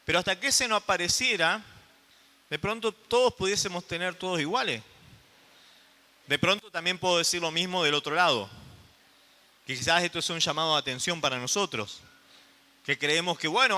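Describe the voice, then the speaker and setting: Argentine pastor, fairly high and piercing voice, long church reverb, quizzes the flock as he preaches. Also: bright, forceful tone. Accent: Argentine Spanish. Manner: asks the congregation rhetorical questions. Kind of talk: sermon.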